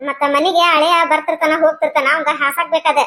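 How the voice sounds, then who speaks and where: A woman voicing a sharp-tongued, stingy old mother-in-law in a cartoon, nagging and scolding in a North Karnataka Kannada accent. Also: high-pitched, level tone, fast. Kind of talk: cartoon voice acting.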